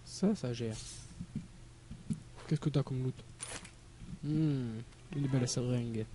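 A man giving casual, halting video game commentary, thinking aloud as he plays. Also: mid-range voice. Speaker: gamer, let's play host. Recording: game music behind voice. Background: video game music.

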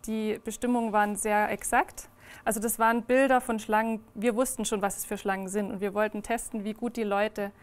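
Indoors in a reading room, a young woman presents a project to a small audience. Her medium-pitched voice is flat and fairly quick. Her talk is full of fillers and restarts.

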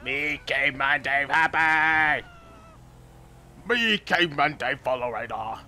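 A man voicing a dim-witted, excitable caveman who talks about himself in the third person while commenting on gameplay. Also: fairly high pitch, slow, exaggerated voice. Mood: goofy. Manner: broken caveman grammar, third person, sudden yelps. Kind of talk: playful game commentary in character.

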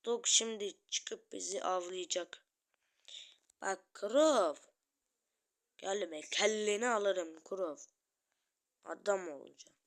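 A woman giving excited live gameplay commentary as a channel host, talking to her viewers and yelling taunts at opponents. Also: mid-range voice, takes it slowly, pauses often.

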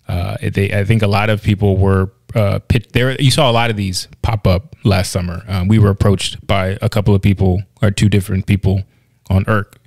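Low gravelly guy co-hosting a podcast, rambly and laughy, dry close sound. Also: a little mellow, no room sound. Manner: chatty, laughs easily, many restarts and fillers. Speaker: podcast co-host. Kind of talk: casual podcast chat.

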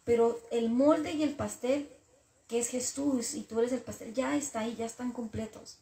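Woman vlogger reflecting on faith, kinda gravelly and mellow, echoey room. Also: a little high, steady tone, normal speed. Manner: earnest, repetitive, talks through her frustrations with God.

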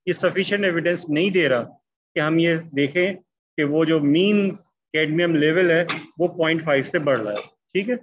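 A man's voice: a little high, muffled recording, a little hiss or hum. A man teaching statistics in an online class, dictating sentences word by word as he writes them out. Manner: slow, dictating word by word while writing.

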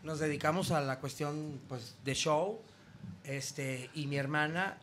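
A man voicing a polite male caller, soft-spoken and hesitant, full of fillers. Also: fairly high pitch, steady tone, slow, slight background noise.

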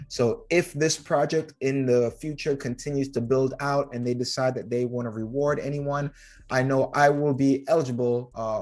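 A man in his thirties hosting his own channel, talking viewers through a screen-share in a relaxed, filler-heavy way and calling them guys, recorded at home on a desk mic. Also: mid-range voice. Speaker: crypto channel host. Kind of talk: casual screen-share walkthrough. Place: home room.

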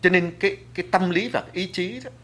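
A man's voice: sits high, fairly quick, fairly bright tone, a little hiss or hum. A man speaking as a guest on a talk show, lecturing earnestly to the audience about food and culture, with frequent restarts and filler words. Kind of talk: studio talk show discussion.

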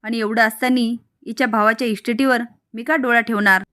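A woman's voice: on the high side, steady tone, brisk, bright, forceful tone, no room sound, studio quality. Woman doing a bossy proud mother-in-law. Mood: boastful. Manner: boastful, scolding. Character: domineering proud middle-aged mother-in-law.

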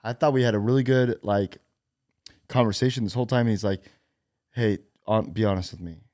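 Low-voiced young man hosting a podcast. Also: brisk, dry recording, studio quality. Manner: relaxed, conversational, questioning, reenacts exchanges. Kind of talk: casual conversation. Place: dark podcast studio. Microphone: studio boom mic with headphones.

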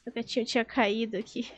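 A woman's voice: on the high side, fairly even intonation, moderate pace, husky. A woman streaming a life-sim game, chatting casually, reading out chat and laughing often.

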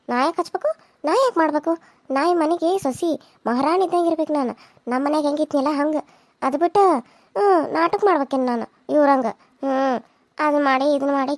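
A woman voicing a spiteful, scheming young village daughter-in-law in a cartoon serial, speaking in a sharp-tongued, sulky way. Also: high voice, no echo, natural voice.

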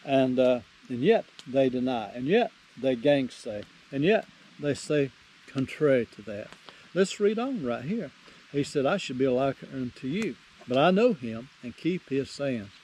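A man's voice: medium pitch, animated, measured pace, a little mellow, a little hiss or hum, poor audio. A man teaching through the Bible verse by verse, folksy, repeating phrases for emphasis and reading scripture aloud.

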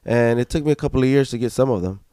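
Relaxed man co-hosting, a bit under the weather. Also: medium pitch, rapid-fire, smooth, no room sound, clean studio sound. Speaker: podcast co-host, reseller. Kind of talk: casual chat.

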